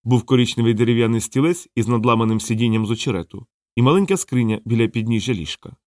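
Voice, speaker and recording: A man reading an audiobook in a steady, measured narration. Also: medium pitch, dry recording. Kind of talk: scripted narration.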